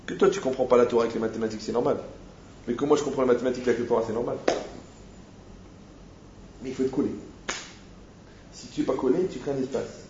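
A man's voice: mid-range voice, steady tone, fast talker, pauses often, background noise. A man teaching an informal Torah lesson, talking animatedly, firing rhetorical questions and speaking straight to his listeners. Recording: echoey, dull-sounding room recording.

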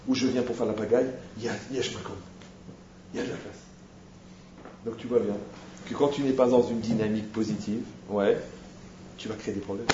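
A man's voice: mid-range voice, warm tone, a little hiss or hum. A man teaching an informal Torah lesson, talking animatedly, firing rhetorical questions and speaking straight to his listeners. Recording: echoey, dull-sounding room recording.

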